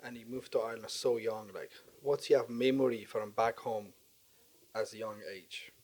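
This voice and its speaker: A man's voice: mid-range voice, steady tone, moderate pace, darkish tone. Teasing male podcast host. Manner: teasing, playful questioning. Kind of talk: casual interview chat.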